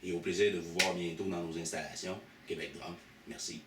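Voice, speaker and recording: A man's voice: low voice, flat delivery, brisk, heavy background noise. A man with a Québécois French accent teaching drums, patiently counting aloud and naming each stroke. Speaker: drum teacher. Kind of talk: drum lesson with demonstrations. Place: drum school studio. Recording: echoey room, mic far off, loud drum hits.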